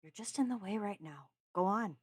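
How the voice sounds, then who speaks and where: A woman reading aloud and voicing a calm Englishwoman who gently but firmly sends a man away. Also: medium pitch, moderate pace, no echo, voice pushed up, lightly acted. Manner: soft, firm. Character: calm firm Englishwoman healer.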